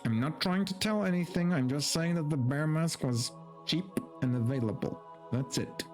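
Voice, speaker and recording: Over background game music, a man with a voice on the high side streams at a moderate pace. He chats in a rambling, informal way, swearing freely, and also gives a dramatic reading of a story.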